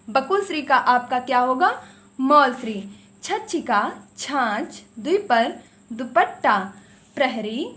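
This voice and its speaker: A woman teaching a vocabulary lesson for exam preparation. She drills words in quick lists, repeats the key items and talks firmly and directly to her viewers. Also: high-pitched, a bit bright. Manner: addresses viewers directly in a firm, coaxing tone.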